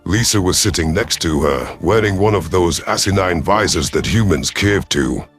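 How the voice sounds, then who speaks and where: A low-pitched man narrates first-person science fiction at a moderate pace for an audio story channel, with faint music behind. In character he is a brooding, growling reptilian alien commander, ruthless but conflicted, delivering scripted lines.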